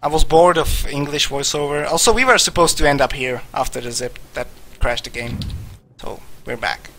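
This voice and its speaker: A man talks through his speedrun live, loose and rambling with lots of fillers. His voice sits a bit high and comes across bright and forceful, with a faint hiss of background noise. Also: normal speed. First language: Czech. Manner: casual, rambling, filler-heavy with frequent "like". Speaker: speedrunner at a charity marathon. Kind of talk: live gameplay commentary.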